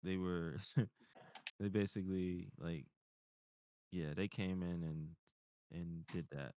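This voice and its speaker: A panelist on a nerd culture show chats casually in a low, mellow voice, swearing now and then and often repeating himself while he finds his phrasing. He speaks slowly with fairly even intonation. The audio is poor, with a little hiss or hum.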